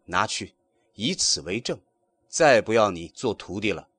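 A man voicing a stern, weary male Buddhist monk who speaks in low, curt scolding tones. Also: animated, unhurried, fairly bright tone, no room sound.

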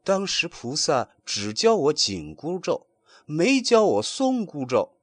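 A man doing a stern, low-voiced monk master. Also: huge pitch swings, takes it slowly, no room sound, heavily acted. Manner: low, curt and scolding. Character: stern, weary male Buddhist monk master.

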